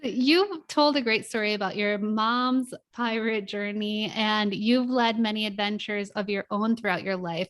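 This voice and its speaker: A woman co-hosting a podcast, reading a scripted introduction and then asking the guest easy questions. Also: fairly high pitch. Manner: reads the intro smoothly, then asks relaxed questions. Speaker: podcast co-host.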